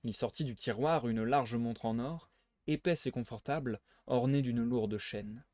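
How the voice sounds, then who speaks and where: A man narrating a classic novel aloud in a measured, expressive way during a live stream. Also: medium pitch, no room sound, clean studio sound. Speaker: streamer reading a book aloud.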